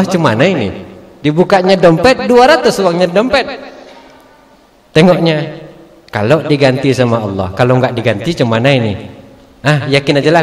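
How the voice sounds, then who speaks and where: A man, a religious teacher answering questions at a village prayer hall, telling a humorous story and acting out the people in it. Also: fairly high pitch. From Aceh, Indonesia. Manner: animated storyteller, acts out characters, laughs often. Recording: echoey hall with long reverb.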